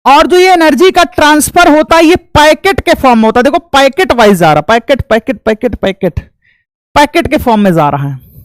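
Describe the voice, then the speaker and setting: Very high-pitched and expressive, this man speaks briskly in a recording free of room sound. In his physics lecture he explains things in a homely, folksy way with sound effects, asking every point back as a question and answering it himself.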